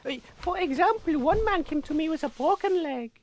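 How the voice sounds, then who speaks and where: In this audio comedy sketch, a woman with an extremely high-pitched, lively voice performs at a moderate pace as a quack lady doctor, cheerfully menacing and sprinkling in French. She sounds smugly sinister, with a theatrical, politely sinister manner.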